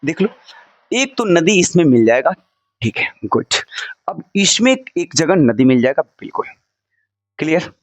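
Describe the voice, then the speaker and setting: A man's voice: a little high, big pitch swings, a little slow, long pauses, no room sound. A male teacher giving a recorded lesson, drilling word forms with his students and repeating them over and over.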